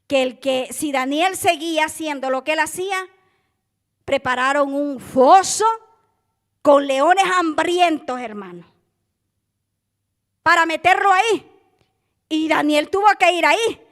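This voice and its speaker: Woman preacher, very high voice, unhurried delivery, impassioned sermon, loud then hushed. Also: animated. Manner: impassioned, addresses listeners as brother, swings from loud to hushed.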